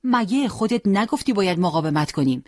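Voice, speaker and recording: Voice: medium pitch, animated, no echo, studio quality, voice pushed up, lightly acted. A reader doing a doubtful young fighter. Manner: questioning, doubtful. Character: young male fighter, reluctant to leave.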